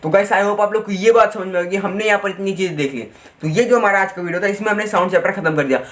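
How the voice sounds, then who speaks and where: A man teaching a physics lesson online, chatting with students and reading textbook lines out slowly. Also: high-pitched, a bit bright. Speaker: physics tutor.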